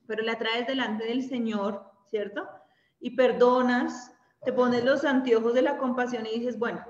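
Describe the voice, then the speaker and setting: A woman with a Colombian accent leads a women's Bible study conversationally, often checking in with her listeners and ending points with tag questions. Her voice is a little high with a darkish tone, and the recording is echoey, dull and lo-fi, with a little hiss or hum.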